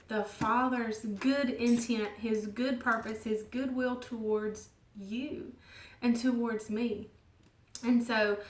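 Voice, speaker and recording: A woman giving an earnest, gentle devotional teaching, at times dropping her voice very low. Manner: gentle and earnest, soft laughs, drops to near whisper. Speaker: ministry leader. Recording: roomy sound from a distance.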